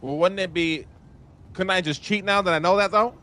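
A man's voice: high-pitched, normal speed, bright, forceful tone. A man in a game roleplay who talks brashly and swears, asking pointed, disbelieving questions.

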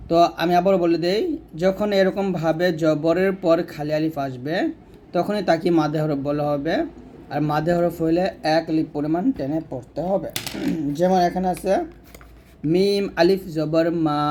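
A man teaching Quran reading step by step, stretching out letter sounds in slow drills. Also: fairly high pitch, mellow, slight background noise. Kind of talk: step-by-step recitation lesson.

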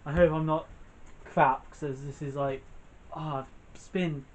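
Video game music plays behind a young gamer and channel host as he talks his way through a game indoors in front of a TV screen. His commentary is casual and unplanned, with plenty of muttering to himself, delivered slowly in a voice on the high side with fairly even intonation.

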